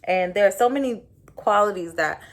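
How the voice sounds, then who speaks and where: A woman's voice: mid-range voice, normal speed. A woman in her thirties, a podcast host, telling a personal story in a candid, reflective way, with many fillers.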